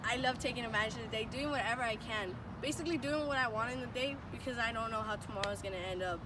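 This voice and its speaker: A woman's voice: fairly high pitch, rapid-fire. Young student woman, distant noisy recording. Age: teenage to young adult student. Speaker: student giving a talk. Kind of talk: informal personal speech to an audience. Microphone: distant microphone. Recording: distant mic, clearly noisy urban background.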